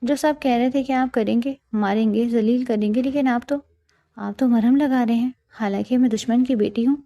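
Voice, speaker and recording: A woman's voice: on the high side, steady tone, mellow, dull audio, close to an everyday voice. A woman voicing a frightened young bride who speaks in a tearful, hesitant way in a storybook reading.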